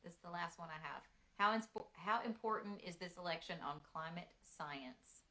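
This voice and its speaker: A woman moderating a question session, reading each audience question in a measured way. Her voice sits a bit low for a woman. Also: pushed and bright, poor audio.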